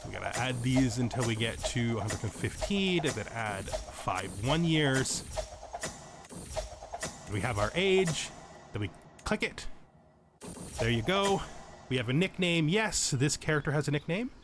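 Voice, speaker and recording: Over music, a man with an animated, medium-pitched voice speaks at a measured pace and pauses often. As the let's play host, he gives casual game tutorial commentary, thinking aloud, explaining as he goes, and often correcting himself.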